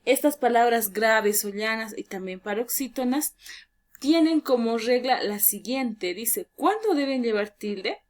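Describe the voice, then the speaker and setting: A woman teacher giving a lesson, explaining clearly and drawing out key words slowly for emphasis. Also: a little high, lively intonation.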